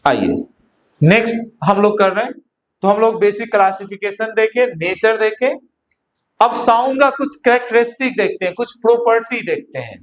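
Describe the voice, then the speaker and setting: High-voiced Indian physics teacher. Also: male voice, expressive, a little hiss or hum. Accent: Indian Hindi-English mix. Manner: slow dictation of notes, checks understanding with repeated questions. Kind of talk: classroom lecture.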